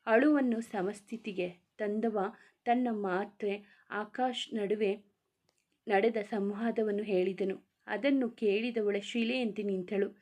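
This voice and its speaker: A woman narrating a family drama story in a steady, emotive reading. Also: medium pitch, slow.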